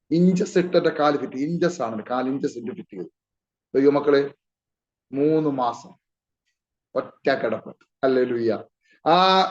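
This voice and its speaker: A man's voice: a little high, darkish tone, roomy sound. A male pastor preaching an emotional personal testimony, calling out to his listeners again and again. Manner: emotional, calls out to the congregation often. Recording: muffled lo-fi recording.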